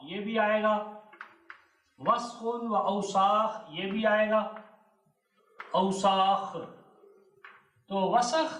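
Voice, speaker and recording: Slow, high-voiced male teacher in an echoey room. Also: a bit bright. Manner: slow, repeats words for students. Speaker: Arabic teacher. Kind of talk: classroom lesson. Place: classroom. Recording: echoey 1990s room recording from far off.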